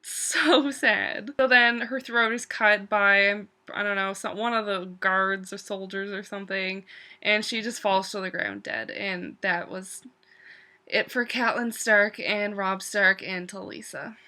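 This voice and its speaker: A woman's voice: medium pitch, a little slow, sharp tone. A woman talking through a TV episode in a casual vlog review, gushing and swearing freely, with "like" in nearly every sentence. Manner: gushing, profane, heavy use of "like".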